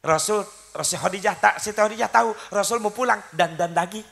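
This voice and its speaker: Gravelly, bright-voiced comic preacher. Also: male voice, high voice, brisk. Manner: jokey, acts out wives and husbands in skits. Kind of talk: comic sermon to a crowd. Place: outdoor community stage.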